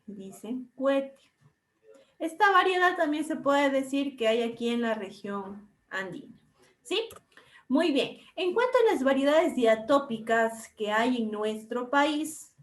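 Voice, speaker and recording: A woman's voice: sits high, reverberant. A woman teacher from Ecuador, giving an online class lecture in an explanatory way and checking in often with tag questions.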